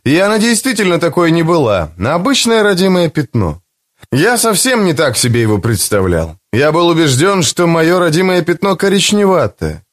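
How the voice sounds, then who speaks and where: Male audiobook narrator, expressive, lively melody. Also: a little high, moderate pace. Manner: emotional, dramatic. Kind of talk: expressive first-person literary narration.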